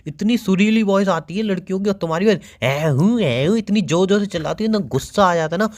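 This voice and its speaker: Fast-talking young man, teasing. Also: high-pitched. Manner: teasing, complaining. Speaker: boyfriend on a call. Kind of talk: casual phone banter.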